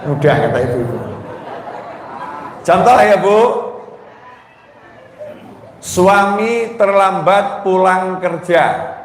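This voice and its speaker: Preacher quizzing the crowd in an echoey hall. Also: male voice, high-pitched, expressive, drawn-out words, long pauses. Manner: quizzes the crowd with call-and-response questions; playful and joking, acts out scolding wives. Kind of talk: Islamic study sermon to a congregation. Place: large hall with an audience. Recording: echoey hall with faint ambient noise.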